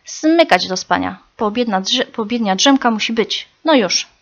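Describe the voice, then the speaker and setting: A fussing mother hoopoe with a high, shrill voice, as a woman puts her on. She calls out loudly to her brood, anxious and devoted. The recording is slightly dull. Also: lively intonation, normal speed. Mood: scolding.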